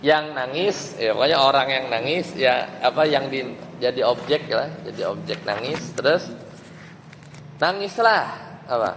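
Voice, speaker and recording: Slow, patient male Islamic teacher in a hall. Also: medium pitch, lively intonation, a bit bright. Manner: explains step by step, asks the class questions. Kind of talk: Arabic grammar lesson. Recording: long hall reverb, faint ambient noise.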